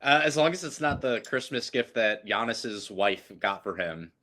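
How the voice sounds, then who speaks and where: Bright-voiced joking man. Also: medium pitch, animated, normal speed. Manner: joking, playful, exaggerated groans. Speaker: podcast co-host. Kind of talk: casual sports podcast banter.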